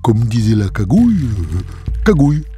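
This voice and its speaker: A man voicing a gentle, naive male donkey who talks slowly and earnestly in a storybook reading. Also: mid-range voice, big pitch swings, lightly acted. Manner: slow, soft, earnest, turns frantic. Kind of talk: storybook character voice. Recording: close dry voice with soft music.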